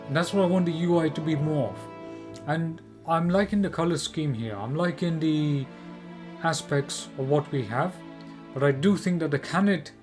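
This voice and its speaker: Male game commentator, slightly high voice, emphatic and repetitive opinion delivery, music bed underneath. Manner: emphatic and repetitive, with rhetorical questions.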